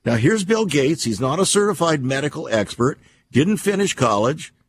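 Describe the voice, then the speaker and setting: Speaking in a slightly high, sing-song voice, a man hosts a radio talk program with a deliberate opinion monologue. His tone is emphatic, alarmist and conspiratorial, driven by repetition and rhetorical questions.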